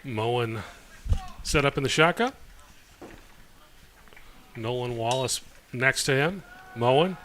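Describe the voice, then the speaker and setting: A man calls a local football game play-by-play, easy and conversational between plays and lifting when the action picks up. His voice is bright and forward, with faint crowd ambience behind him. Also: medium pitch, slow, pauses often, slight background noise. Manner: relaxed, chatty, rises with the action. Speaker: play-by-play announcer. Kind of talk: live sports commentary.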